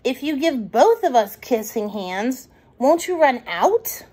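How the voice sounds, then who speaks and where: A woman's voice: high voice, big pitch swings, slow, warm tone, husky, heavily acted. A woman voicing a pouting little boy raccoon in a children's storybook, pleading and whiny. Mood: wondering.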